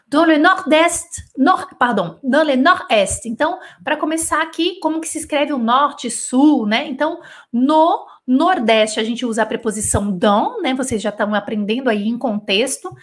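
Teaching French dictation live, a woman explains things patiently in a high voice at a moderate pace. She draws on both Portuguese and French examples, sounds lively, and frequently checks understanding with "d'accord?" and "né?".

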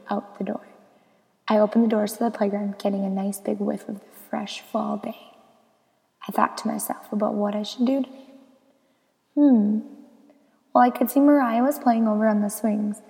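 A young woman narrating a scripted personal story in an expressive, storytelling way. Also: mid-range voice, vocal fry, in a large hall, poor audio. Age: young adult.

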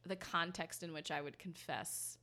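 A woman's voice: low voice, steady tone, moderate pace, sharp tone. An American woman co-hosting a podcast in casual conversation, with a self-deprecating, joking manner. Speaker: podcast co-host. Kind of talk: casual chat.

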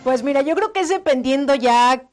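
A woman's voice: high voice, lively intonation, moderate pace, soft background music. A woman with a Mexican accent hosting a casual live talk show, chatty and speaking straight to her listeners. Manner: chatty, addresses listeners directly. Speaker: host.

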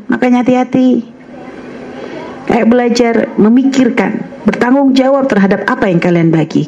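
A woman's voice: a little high, mellow, lo-fi sound. Earnest woman preaching to young listeners. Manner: earnest, admonishing, calls listeners child. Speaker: Islamic religious teacher. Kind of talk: radio religious lecture to young women.

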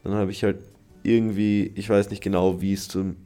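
A man's voice: lowish voice, level tone, normal speed, warm tone, clear, resonant tone, soft background music. A young man hosting a podcast, telling a personal story in a rambling, confessional way with many fillers and restarts, sounding downcast and troubled. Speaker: podcast host.

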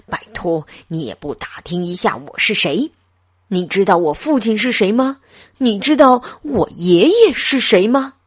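A woman voicing a pompous gentleman who shouts indignantly. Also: medium pitch, expressive, unhurried, husky, no echo, studio quality. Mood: furious, indignant. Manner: loud and indignant.

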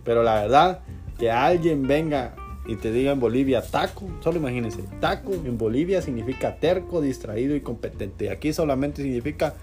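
A man's voice: mid-range voice, expressive, normal speed, music in the background. A man with a Guatemalan accent co-hosting a casual chat, joking and often talking straight to the listeners. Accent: Guatemalan Spanish. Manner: jokey, laughs often, addresses listeners. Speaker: podcast co-host.

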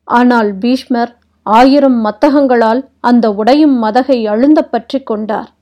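A woman narrating a literary epic as an audiobook, in a deliberate, dramatic reading style. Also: a little high, dark tone. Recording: dull lo-fi recording.

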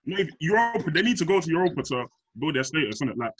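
Fast-talking young London roadman, blunt. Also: on the high side, big pitch swings, fairly bright tone. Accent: London, urban roadman. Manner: slangy, blunt, emphatic, repetitive. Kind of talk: casual football banter and debate.

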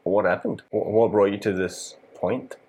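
A man hosting a casual chat, asking short questions with a deadpan sense of humor. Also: lowish voice, normal speed, husky.

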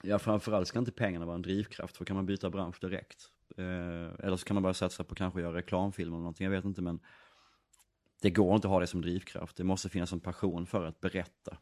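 A man's voice: deep voice, flat delivery, a little mellow, no echo. A man, an actor and director answering interview questions casually, thoughtful and rambling with many fillers and restarts.

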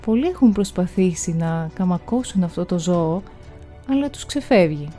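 A woman reads a folk tale aloud in a measured, expressive storytelling style. Her voice is very dark and mellow, and faint music runs quietly beneath it. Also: fairly low pitch. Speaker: narrator.

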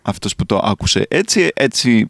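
A man's voice: on the low side, sing-song, fairly bright tone, dry recording. Man, quiz host, playful, chuckling, studio microphone, dry sound. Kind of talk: hosting a comedy quiz podcast. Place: recording studio.

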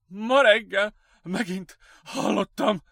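A man voicing a frantic young male psychiatric patient who wails and shouts in panic, in an audiobook. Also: sits high, dry recording, studio quality, voice pushed up. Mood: panicked. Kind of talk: audiobook character voice.

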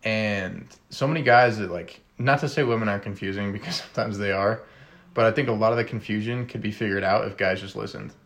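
A man hosting a casual conversation, talking in a relaxed way with lots of fillers. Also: fairly low pitch, a little fast. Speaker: host. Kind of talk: casual chat.

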